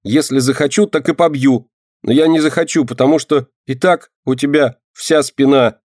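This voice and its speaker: A man's voice: steady tone, moderate pace, a little mellow, no room sound, natural voice. A small, stubborn little girl who tears up easily, voiced by a man reading aloud. She talks in a voice raised well above his own, pleading and hurt. The recording is close and dry. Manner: pleading, tearful, raised higher voice. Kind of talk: audiobook reading.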